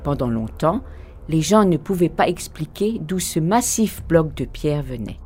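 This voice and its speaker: A woman narrating a folk legend in a calm, even, scripted storytelling manner. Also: deep voice, measured pace, faint music behind.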